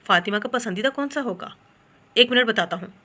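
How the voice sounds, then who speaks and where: A woman's voice: on the high side, a little fast, sharp tone. A woman voicing a playful young man shopping for his fiancée.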